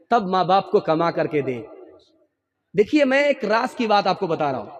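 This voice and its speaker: High-voiced man preaching in echoing hall. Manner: engages audience with questions and raised hands; swings between soft low asides and loud shouted lines. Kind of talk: sermon with storytelling. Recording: long reverb of a large hall.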